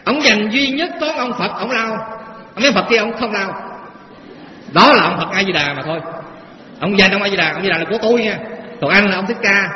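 A man's voice: high voice, brisk, pauses often. A man, a Buddhist monk, giving a Dharma talk to lay followers in a temple hall, telling folksy stories and asking the audience rhetorical questions. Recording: echoey hall, dull lo-fi sound, faint noise.

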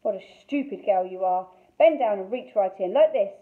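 A woman's voice: a little high, animated, moderate pace. A woman voicing an ancient, greedy witch who eats children, with a crackly voice that coos and snaps, on a thin phone-like recording. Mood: snapping. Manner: cooing then snapping.

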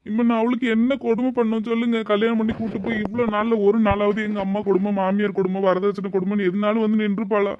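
Brief: man voicing a wronged young husband in a cartoon, high-pitched and rapid, complaining. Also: flat delivery, highs cut off, a little hiss or hum, natural voice. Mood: aggrieved. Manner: complaining, aggrieved, rhetorical questions. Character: exasperated young husband, wronged and self-pitying.

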